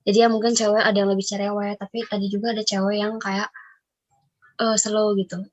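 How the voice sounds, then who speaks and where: An Indonesian-accented woman hosts a casual podcast, reacting in a chatty, rambling way full of fillers. Her voice sits at medium pitch with little movement, her pace is brisk, and the highs are cut off.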